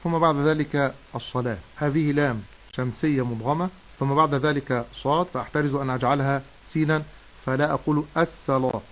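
A man teaching Quran recitation, slowly sounding out each syllable to demonstrate correct pronunciation. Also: medium pitch, steady tone, low-quality recording. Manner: slow, deliberate syllable-by-syllable demonstration. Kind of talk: tajweed lesson.

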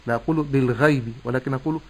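Guy teaching tajweed, breaks words into syllables, slow careful demos. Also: mid-range voice, poor audio. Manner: slow, deliberate syllable-by-syllable demonstration. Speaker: Quran recitation teacher. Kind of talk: tajweed lesson.

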